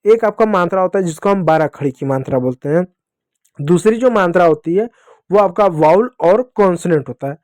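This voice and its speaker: Man, high-pitched, children's English teacher, classroom lesson, asks and answers own questions, dry close sound. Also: a little fast, a little mellow, no echo. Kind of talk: classroom lesson explaining phonics.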